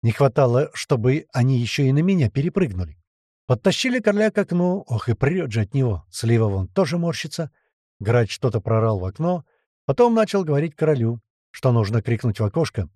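A man narrating a first-person audiobook in a blunt, swearing manner. His voice is mellow and animated, ranging widely in pitch. The recording is dry and close. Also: fairly quick, no room sound. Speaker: audiobook reader.

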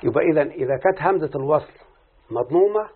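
Animated and very fast, a man with a slightly high, slightly rough voice speaks with an Egyptian accent over a tinny, phone-like line. He's a student reciting an Arabic morphology lesson, working step by step through questions and answers and keeping in touch with his teacher.

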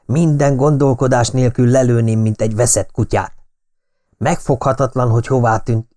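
A man voicing a secretive, intense male detective who delivers urgent, hushed warnings in an audiobook. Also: medium pitch, steady tone, no echo, clean studio sound, voice pushed up, close to an everyday voice. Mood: grim anger.

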